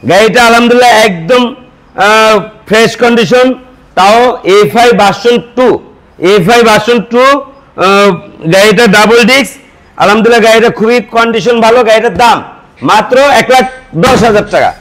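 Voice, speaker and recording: A man with a very high-pitched voice and a Bangladeshi Bengali accent works through a showroom sales pitch. He is a used motorbike salesman who lists selling points and prices in a practised patter, item after item. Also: normal speed, fairly bright tone, poor audio.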